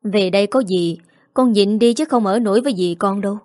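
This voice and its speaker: A calm middle-aged father, read by a woman, speaks gently and politely. His voice sits in a medium pitch. The sound is close and dry. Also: fairly quick, no room sound, lightly acted.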